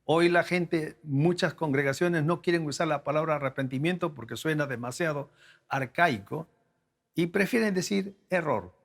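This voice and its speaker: A male pastor from South America preaching at a leadership forum, teaching slowly with repeated key phrases and rhetorical questions. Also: a little high. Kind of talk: sermon. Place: church or conference hall.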